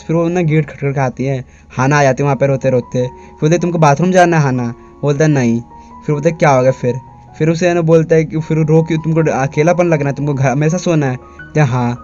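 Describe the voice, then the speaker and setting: A man with a slightly high, mellow voice casually retells an anime episode as a recap narrator, rambling from event to event and often restarting. The recording is dull and lo-fi.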